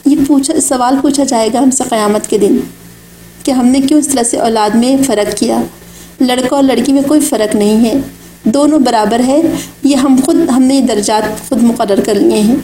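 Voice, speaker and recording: Woman preaching, earnest and pushy, mellow voice, kinda high, echoey room. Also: a little hiss or hum. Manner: earnest, exhorting. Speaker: religious speaker. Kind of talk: Islamic lecture.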